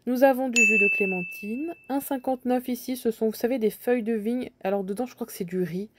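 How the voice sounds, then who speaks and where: A woman's voice: a little high, brisk, heavy background noise. A woman casually walking through supermarket aisles, chatting and thinking aloud as she points out deals, with frequent hesitations. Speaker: bargain-hunting vlogger.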